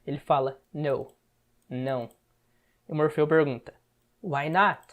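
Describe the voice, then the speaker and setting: A woman with a Brazilian Portuguese accent gives an English lesson. She explains word by word and keeps checking in with a quick "tá?". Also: deep voice. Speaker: English teacher. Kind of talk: step-by-step language lesson.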